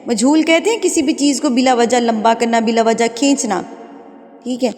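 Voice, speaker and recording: A woman with a fairly high voice teaching Quran recitation, patiently drawing out each syllable for students to repeat. Her voice carries a long reverb, as in a hall. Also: darkish tone. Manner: patient, repeats each sound slowly and drawn out for learners to copy. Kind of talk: online tajweed lesson.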